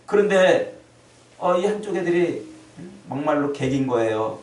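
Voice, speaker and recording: A middle-aged man preaching a lively Sunday sermon, often acting out the voices of the people he quotes. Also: a little high, moderate pace. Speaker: pastor. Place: church sanctuary. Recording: echoey church hall, distant mic.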